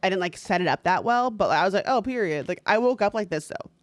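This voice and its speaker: A woman's voice: medium pitch, expressive, quick pace, dry recording. A young woman co-hosting a podcast in casual chat, blunt and swearing freely as she acts out what others said. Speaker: podcast co-host.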